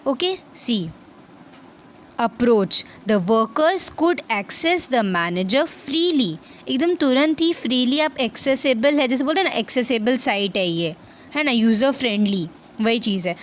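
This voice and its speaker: A woman teaching a vocabulary lesson, explaining in Hindi and slowing right down to read English example sentences, often checking in with her listeners. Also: fairly high pitch, lively intonation, a little hiss or hum.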